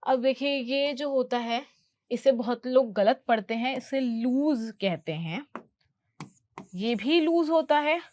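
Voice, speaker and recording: A woman teacher explaining lines from a film, repeating English phrases slowly word by word. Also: on the high side, no room sound. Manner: slow, careful word-by-word pronunciation drills. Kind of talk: explaining movie lines in a lesson.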